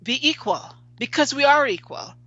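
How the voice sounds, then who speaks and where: Here the Guyanese podcast guest sounds high-pitched, animated and a bit bright as she gives an earnest, halting interview full of restarts. The audio is dull, with no room sound.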